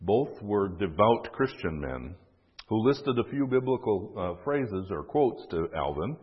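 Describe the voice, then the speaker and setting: A man with a low, husky voice tells a history story casually, with fillers and wry asides. The recording sounds dull and echoey, as if in a hall. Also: big pitch swings, a little slow.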